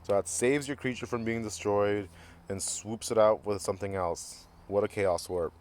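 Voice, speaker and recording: A man's voice: fairly low pitch, fairly even intonation, moderate pace, a little mellow. A man hosting a casual card game review, reading card text aloud and cracking goofy jokes. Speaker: card game channel host.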